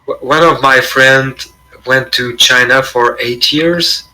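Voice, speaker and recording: A man with a very bright, sharp tone chats as a player in a tabletop game. He is easygoing and laughs often, and his voice stays at a middle pitch. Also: slow pace, rough recording. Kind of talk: casual chat.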